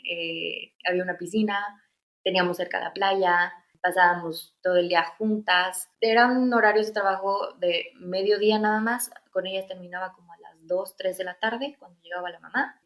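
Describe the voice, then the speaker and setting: A woman's voice: fairly low pitch, a bit bright, echoey room. A Mexican woman in her thirties, an interview guest chatting casually about her experiences, with many fillers and restarts. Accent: Mexican Spanish. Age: 30s. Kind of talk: casual storytelling.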